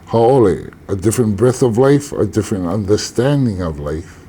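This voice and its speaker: An older man from Hawaii, an elder teaching about tradition in a slow, measured way with deliberate pauses. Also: on the low side, lively intonation, dark tone, husky.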